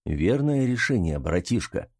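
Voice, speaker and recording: A man voicing a steady young man who calmly reassures his brother in an audiobook reading. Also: low-pitched, a little slow, no echo, studio quality, full character voice. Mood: reassuring. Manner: calm, reassuring.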